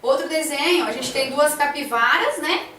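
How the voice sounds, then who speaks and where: A woman's voice: sits high, moderate pace, sharp tone, echoey room, recorded from a distance, a little hiss or hum. A woman teacher talking through a classroom lesson plan, hesitant, with many fillers and tag questions.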